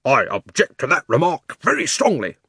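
Bulldog: stubborn, indignant, raspy, bright edge, done by a man. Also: mid-range voice, huge pitch swings, moderate pace, no echo, clean studio sound, pitched above the performer's own voice, heavily acted. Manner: indignant, gruff. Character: stubborn gruff male bulldog.

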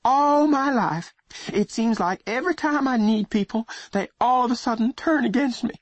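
A woman's voice: low voice, big pitch swings, moderate pace, breathy edge, no room sound, voice pushed up, exaggerated voice. A man voicing a pushy, self-pitying middle-aged mother in an audiobook, insistent and plaintive. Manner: insistent, wheedling, turning plaintive.

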